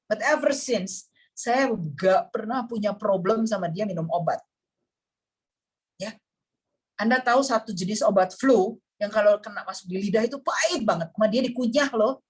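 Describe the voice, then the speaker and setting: A woman's voice: mid-range voice, normal speed, breathy edge. A woman who works in neuroscience, giving a talk to a group of parents and telling dramatic stories while addressing her listeners directly. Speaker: neuroscience practitioner speaking to parents.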